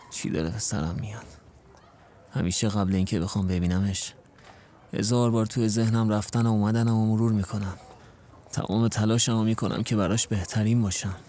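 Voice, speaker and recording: A man's voice: lowish voice, fairly even intonation, pauses often, dark tone, a little hiss or hum. A young man narrating his own story in an audio drama and speaking as its distraught, heartbroken lead. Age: young adult.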